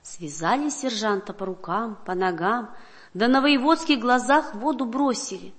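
A woman's voice: on the high side, lively intonation, normal speed. A woman reading a satirical folk tale aloud in a storytelling cadence, with occasional slips. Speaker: narrator.

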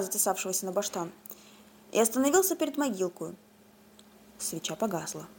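A woman reading a literary tale aloud with lively storytelling that shifts tone with the scenes. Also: fairly high pitch, breathy edge.

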